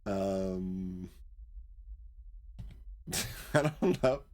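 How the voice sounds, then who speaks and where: A man's voice: low voice, animated, drawn-out words, a little mellow. A man streaming a video game, thinking aloud in a hesitant way with lots of fillers. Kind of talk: casual gameplay commentary.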